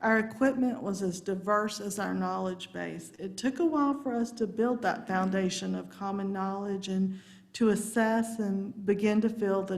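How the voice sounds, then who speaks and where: A woman preaches a sermon in a folksy, good-humored way. Her voice has a gravelly, creaky edge. She takes her time and lets each phrase settle. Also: mid-range voice, darkish tone. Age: 50s. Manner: folksy and humorous, laughing along with the congregation. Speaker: religious education director giving a sermon.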